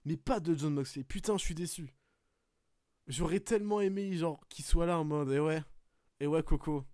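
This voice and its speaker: A man hosting a podcast, swearing often as he retells a wrestling match in an animated play-by-play. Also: a little high, normal speed, dry recording, clean studio sound. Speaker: podcast host. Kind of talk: casual podcast chat, excited match recap.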